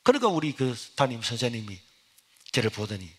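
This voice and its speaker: A middle-aged male pastor, preaching a sermon as personal testimony. He swings from loud exclamations to hushed, near-whispered lines. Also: medium pitch, big pitch swings, brisk, breathy edge.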